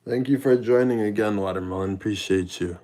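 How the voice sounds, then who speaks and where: This young IRL streamer, mixed Jamaican and British, talks fairly quickly in a mellow, lowish voice. He's laid-back, addressing his chat directly and thanking viewers by name while streaming in public.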